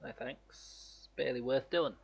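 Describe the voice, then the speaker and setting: A man's voice: medium pitch, big pitch swings, a little slow, vocal fry, slightly rough. A man giving casual gameplay commentary in dry, dismissive asides. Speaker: game streamer.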